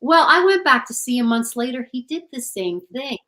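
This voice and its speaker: A woman's voice: high voice, animated, normal speed, bright, forceful tone, poor audio. A middle-aged woman, an author being interviewed, speaking in an earnest, reflective storytelling way. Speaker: author and guest. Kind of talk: interview conversation.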